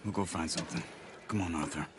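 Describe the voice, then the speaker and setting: A man acting as a stoic hunter in a western game. His voice is low, firm and impatient. A little noise is behind him. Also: quick pace, close to an everyday voice. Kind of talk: video game dramatic acting.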